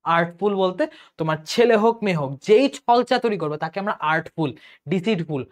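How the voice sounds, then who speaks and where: Fast-talking man teaching vocabulary. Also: high voice, animated. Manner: rapid, explains and repeats words, asks and answers own questions. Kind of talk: online class lecture.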